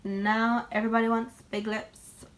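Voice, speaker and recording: A young beauty vlogger does her makeup while chatting candidly, her voice on the high side with a flat delivery and moderate pace. The get-ready-with-me talk is casual and packed with fillers.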